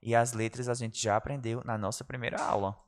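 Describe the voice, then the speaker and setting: A Brazilian man teaching an online school English lesson, explaining in Portuguese and saying each English phrase slowly and clearly for pupils to repeat. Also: medium pitch, steady tone, long reverb tail.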